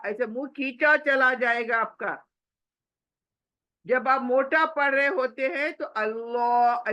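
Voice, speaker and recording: A woman with a bright, fairly high voice gives a patient recitation lesson, drawing out each example word slowly and repeating it. The audio is slightly dull and lo-fi. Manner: patient and explanatory, repeating words slowly for practice. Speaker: Quran recitation teacher.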